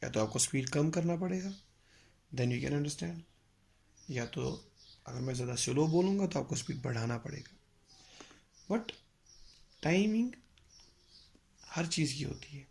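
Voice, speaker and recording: A man teaching a music lesson, explaining slowly and patiently with pauses and mixing in English phrases. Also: mid-range voice, creaky, a little mellow. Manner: mixes English phrases into Hindi. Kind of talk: spoken lecture.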